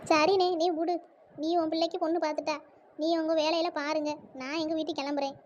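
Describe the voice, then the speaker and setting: High squeaky cartoon auntie done by a performer, fast scolding, dull lo-fi sound. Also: level tone, a little hiss or hum, natural voice. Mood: bitter. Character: indignant middle-aged village woman, the sister. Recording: dull lo-fi audio.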